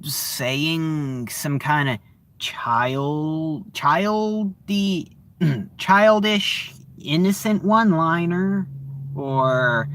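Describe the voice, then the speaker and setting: A man giving a casual spoken review of a TV series, halting and searching for words with frequent fillers. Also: a little high, fairly bright tone, a little hiss or hum.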